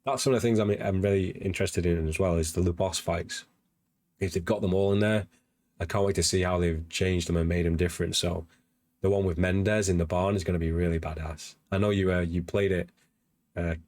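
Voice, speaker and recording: A man's voice: low-pitched, steady tone, a little fast, darkish tone, no echo, studio quality. A man hosting a gaming news podcast on a livestream, chatting casually in an eager, rambling way with many fillers and restarts, his voice a little worn. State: slightly losing his voice. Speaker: podcast host.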